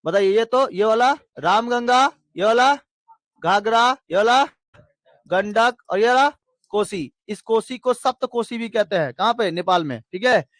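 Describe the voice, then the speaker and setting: A man teaching in a high, unhurried voice. He drills lists again and again in a sing-song chant and keeps asking if the class has understood. The recording is dry, with no room sound. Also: fairly bright tone, dry recording. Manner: repeats lists in a sing-song chant, asks checking questions. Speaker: geography teacher. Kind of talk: classroom lesson with drilling repetition.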